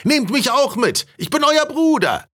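A man voicing a rowdy male heckler in a crowd who shouts mocking taunts in a high voice. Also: sing-song, unhurried, no echo, clean studio sound, heavily acted. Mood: jeering.

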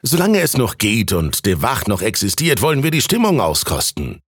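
An eager young student , as a male storyteller puts him on, talks with a raised, animated voice that swings widely. The tone is raspy with a gravelly edge, close and dry. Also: on the low side, moderate pace, no room sound, exaggerated voice. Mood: lively.

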